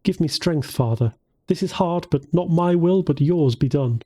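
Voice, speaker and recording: A man's voice: on the high side, normal speed, dark tone, pitched above the performer's own voice, close to an everyday voice. A man voicing a hopeful, devout young woman in an audiobook, speaking in an upbeat way. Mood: prayerful.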